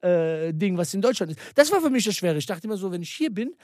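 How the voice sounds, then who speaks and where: A man co-hosting a podcast, joking and laughing in animated casual banter. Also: high voice, fast talker, no echo, studio quality. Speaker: podcast co-host. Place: in Switzerland.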